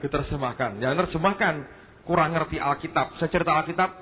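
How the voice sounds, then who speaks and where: Male pastor, storytelling sermon, slightly high voice, tinny lo-fi sound. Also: brisk, husky. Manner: storytelling, often addressing the congregation as "saudara". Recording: tinny phone-like sermon recording.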